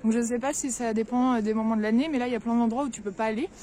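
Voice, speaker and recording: A woman's voice: a little high, fairly even intonation, very fast, warm tone. Young female travel vlogger, chatty and casual, outdoor street noise. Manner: chatty, lots of fillers, addresses viewers directly. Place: outdoors at a snowy castle and Christmas market.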